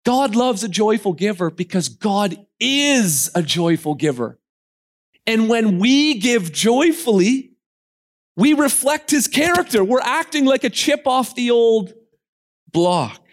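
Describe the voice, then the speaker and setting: A man preaching a sermon in a church, swinging between emphatic, raised lines and quiet, hushed ones. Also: high-pitched, very animated, slow pace. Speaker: pastor.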